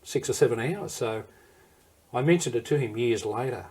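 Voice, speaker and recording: In a recorded interview, an older man with an Australian accent reminisces about the war, digressing, restarting, and circling back in a rambling, anecdotal way. His husky, darkish voice has medium pitch, lively intonation, and a moderate pace.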